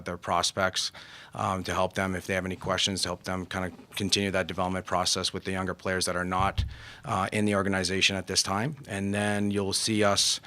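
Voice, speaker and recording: Low, bright-voiced man with an Acadian accent. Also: smooth. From Canadian Maritimes. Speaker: hockey player development coach. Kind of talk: press conference answers.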